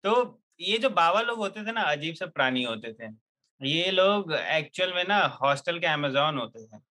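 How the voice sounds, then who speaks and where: A man's voice: a little high, measured pace. A young man telling a comic hostel story in a chatty group, joking and laughing often, mixing into his speech. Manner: lively, jokey, laughs often. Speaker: storyteller in a group chat show. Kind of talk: comic storytelling among friends.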